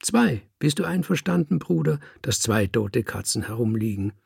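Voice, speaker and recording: A man's voice: medium pitch, very animated, moderate pace, vocal fry, a little mellow, slightly rough, no room sound, clean studio sound, full character voice. A man voicing a musing young tomcat. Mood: playful. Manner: spinning playful questions.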